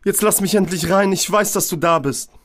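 A man's voice: high voice, fairly quick, fairly bright tone, pitched above the performer's own voice. A man doing a frantic, pleading young woman. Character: desperate, frightened young woman pleading at a door.

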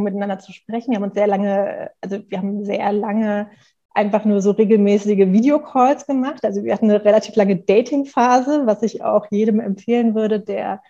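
Gravelly woman, candid interview guest. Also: mid-range voice, warm tone, dull audio. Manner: candid and reflective, thinking aloud. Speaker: interview guest, company co-founder. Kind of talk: casual interview talk.

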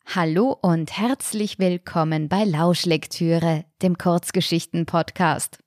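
Woman reading a story podcast, lowish voice, dry close sound. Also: slow pace, darkish tone, no room sound. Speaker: podcast narrator. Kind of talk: scripted story narration.

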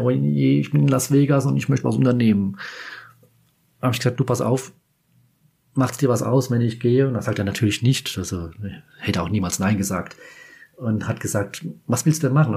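A man's voice: mid-range voice, gravelly, warm tone, slightly rough. A man from Kaiserslautern in Germany, a podcast host, telling a personal story in a chatty, meandering way and often correcting himself mid-sentence. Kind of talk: casual storytelling anecdote.

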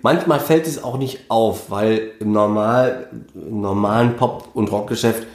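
A man with a fairly low voice talks casually about rhythm, counting out beats to show how each one feels. The recording sits in a roomy, echoey space. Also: a little slow. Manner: explains by counting beats aloud. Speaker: musician explaining music theory. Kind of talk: casual podcast conversation. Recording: roomy echo.

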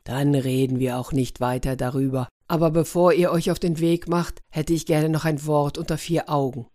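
A woman's voice: sits low, fairly even intonation, normal speed, warm tone, close to an everyday voice. A woman voicing a grumpy, sarcastic man trapped in a turtle's body, in a storybook reading. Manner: irritable, sarcastic.

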